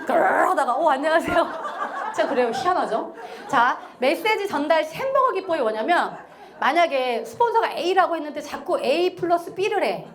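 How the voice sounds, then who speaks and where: A high-pitched woman lectures a seminar with a very lively, swinging delivery. She acts out little quoted remarks as she goes and laughs often. Her voice rings around an echoey lecture room. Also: normal speed, some chatter behind.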